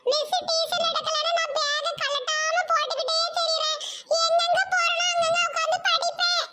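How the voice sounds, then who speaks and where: A woman voicing an excitable, cheeky schoolboy in a cartoon, with a Tirunelveli Tamil accent. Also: very high voice, normal speed, very noisy.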